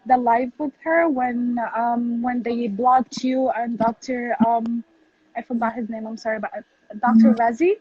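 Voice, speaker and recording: A woman's voice: a little high, fairly even intonation, slightly rough. Earnest woman from Somalia, muffled call. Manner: earnest, halting, with fillers. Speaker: caller on a livestream. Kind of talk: casual chat.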